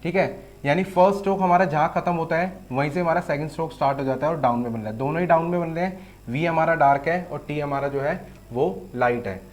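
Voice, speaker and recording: Fast and a little high in pitch, a man explains shorthand strokes one step at a time during an online lesson with a board demonstration. He stays patient throughout, peppering his speech with "theek hai."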